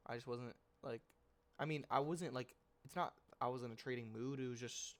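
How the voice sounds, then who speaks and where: Steady in tone, moderate in pace and medium in pitch, a man with a cold-blocked nose runs through his trades for his trading channel. The casual screen-share recap is informal and rambling, full of slang, self-corrections and light swearing.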